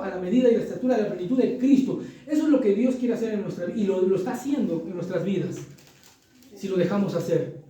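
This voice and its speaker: A pastor delivers an animated sermon in a strikingly high, mellow voice, acting out the voices of a child and churchgoers. He sounds a little distant from the mic, and the church hall around him is very echoey.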